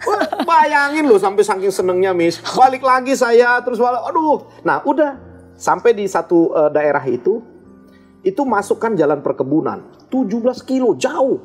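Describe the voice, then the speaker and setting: A man as an interview guest, telling a personal story in an expressive, animated way. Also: high voice, normal speed, husky, faint music behind.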